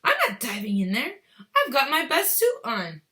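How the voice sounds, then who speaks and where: A woman's voice: a little high, huge pitch swings, moderate pace, pushed and bright, pitched above the performer's own voice, heavily acted. Woman playing a grumbling, reluctant storybook father. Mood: irritated, reluctant. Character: self-regarding, reluctant father in a fine suit. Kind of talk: children's storybook read-aloud.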